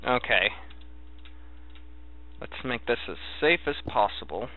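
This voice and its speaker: The sound is narrow and tinny, like a phone line. A man with a mid-pitched voice talks slowly through a casual let's play. He thinks aloud in a halting way as he narrates his own game. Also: animated, a little hiss or hum.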